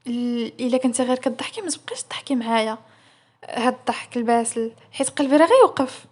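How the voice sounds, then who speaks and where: Brief: a woman doing a young Moroccan husband, hushed and tender, airy. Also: sits high, racing, husky. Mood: whispering.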